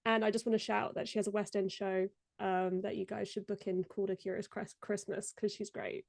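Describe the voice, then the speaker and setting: A young woman, a video editor appearing as a guest on a live stream, chats casually and laughs a lot while sounding congested and stuffed up from a cold. Her medium-pitched voice is flat, a little fast, and a little mellow, with vocal fry. The sound is clean studio audio with no room sound.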